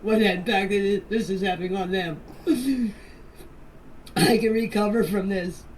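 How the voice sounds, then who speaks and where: Through a distant, noisy voice message, an older woman, a grandmother fielding questions in a group chat, shares an emotional personal statement. Her medium-pitched voice is a little mellow and a little slow, with a steady tone, while her manner stays pleading, insistent, and plain-spoken.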